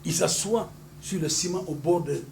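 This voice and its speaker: Un pasteur originaire du Congo, avec un congolais, prêche avec emphase dans une salle d'église et lance des alléluias à l'assemblée. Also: male voice, on the high side, normal speed, creaky. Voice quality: emphatic, repeats hallelujah to the congregation. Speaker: pastor. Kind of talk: sermon with call-and-response. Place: church hall. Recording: noisy church hall recording.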